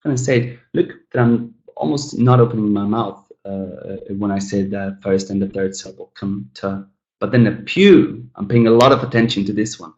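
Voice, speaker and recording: A man's voice: lowish voice, steady tone, a little fast, few pauses, darkish tone, dull audio. Man teaching pronunciation in an echoey room. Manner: demonstrates sounds by exaggerating stressed syllables and mumbling unstressed ones; explanatory, addresses viewers as guys. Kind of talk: recorded language lesson.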